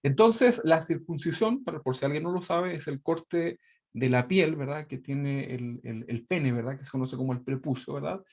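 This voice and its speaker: A man's voice: a little high, normal speed, gravelly. A man teaching a church Bible class in a conversational way, tagging nearly every phrase with a question and acting out quotes with emphasis. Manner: conversational, constantly adds tag questions; acts out quoted speech with dramatic emphasis.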